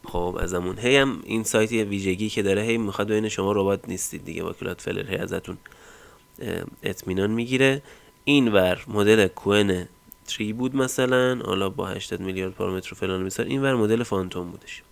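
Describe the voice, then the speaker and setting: A man hosting a casual screen-recorded software tutorial, explaining step by step with frequent fillers and trailing line ends. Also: fairly low pitch, fairly even intonation, gravelly. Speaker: tech tutorial host.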